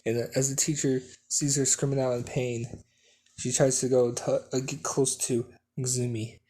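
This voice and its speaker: A man's voice: medium pitch, little pitch movement, normal speed, warm tone. A man improvising a fan story at home, hesitant, with many fillers and restarts.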